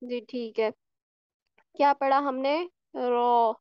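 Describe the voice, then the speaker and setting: A woman's voice: high voice, fairly even intonation, slow pace, clear, resonant tone, no room sound, lo-fi sound. A woman teaching a recitation class online, patiently explaining and repeating sounds for her students. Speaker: tajweed teacher.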